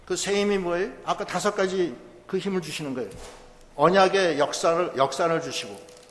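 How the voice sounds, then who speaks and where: A man's voice: high voice, moderate pace, slight background noise. A man who is a pastor, preaching a sermon in a conversational, emphatic way. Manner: explains scripture in a conversational, emphatic way. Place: church sanctuary. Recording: roomy church hall reverb.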